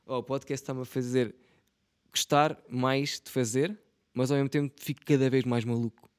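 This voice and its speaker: A man's voice: medium pitch, little pitch movement, moderate pace, dry recording, clean studio sound. A young man with a European Portuguese accent, rambling through a casual solo podcast in a self-mocking, slangy and profane way. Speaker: podcast host.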